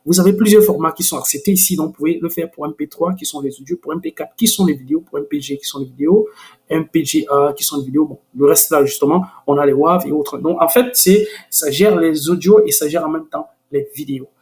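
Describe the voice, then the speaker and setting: Guy doing a screen tutorial, kinda high voice, lots of restarts and ums. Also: quick pace, darkish tone. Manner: hesitant, many restarts and fillers; enthusiastic. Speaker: software tutorial host.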